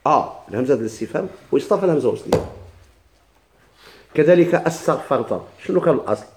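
A man with a Moroccan Arabic accent teaching a recitation class. He asks the class questions, answers them himself, and repeats words slowly with many restarts. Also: fairly high pitch, lively intonation, background noise. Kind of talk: classroom lesson explaining a text.

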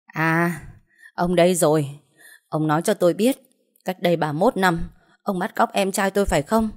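A woman's voice: on the low side, normal speed, close to an everyday voice. A woman voicing an indignant elder sister who insists and confronts in an audio story. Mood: insistent, accusing.

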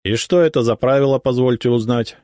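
A man's voice: medium pitch, fairly quick, a little mellow, no echo, studio quality, voice pushed up, close to an everyday voice. A man voicing a polite young ensign officer who asks formal, courteous questions. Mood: surprised.

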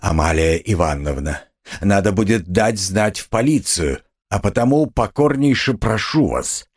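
A man voicing a cold, pompous middle-aged gentleman who speaks in smooth, formal phrases, in an audiobook. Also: lowish voice, expressive, unhurried, exaggerated voice. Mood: unctuous. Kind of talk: audiobook character voice.

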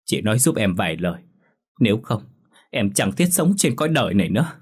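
A man's voice: on the low side, expressive, normal speed, slightly rough. A man voicing a jealous young wife who pleads through sobs in a ghost story audiobook. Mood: tearful pleading. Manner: pleading, sobbing complaints. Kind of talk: audiobook character voice.

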